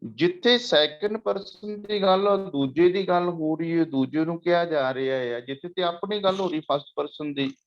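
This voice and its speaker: A man with a Punjabi accent giving a patient lecture, repeating words and chanting verses slowly. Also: on the high side, muffled recording. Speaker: teacher. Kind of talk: lecture on Gurbani grammar with slides.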